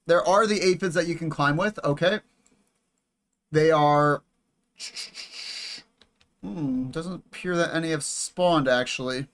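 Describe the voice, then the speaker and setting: A young man giving casual, excitable commentary over a strategy game, swearing and chatting with viewers. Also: a little high, takes it slowly, pauses often. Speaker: gaming YouTuber.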